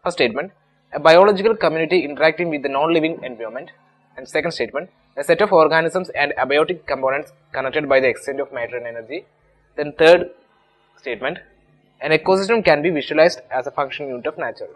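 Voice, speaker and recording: Fast-talking and somewhat high-voiced, this Kerala man teaches an exam-prep lesson in Indian-accented English. It's an explanatory lecture where he patiently goes over every point step by step, captured on a low-quality recording.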